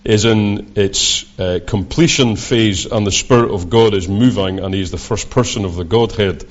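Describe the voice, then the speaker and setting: A Scottish preacher with a thick, broad accent and a fairly low voice. He delivers his sermon in measured, halting phrases. The recording sounds dull and a little lo-fi. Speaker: visiting preacher. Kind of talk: sermon with scripture readings.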